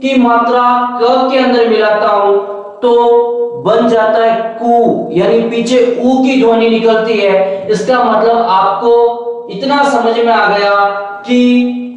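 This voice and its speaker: High-voiced man teaching in echoey room. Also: steady tone, slow, lo-fi sound. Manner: repetitive, asks questions then answers them. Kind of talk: Hindi grammar lesson. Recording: very echoey room, mic far off.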